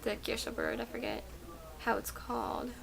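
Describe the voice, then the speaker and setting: Very animated and fairly high-pitched with a creaky edge, a young woman talks at normal speed while answering tag questions at home at night. A native Russian speaker, she rambles chattily through her casual vlog, full of "like" and "um."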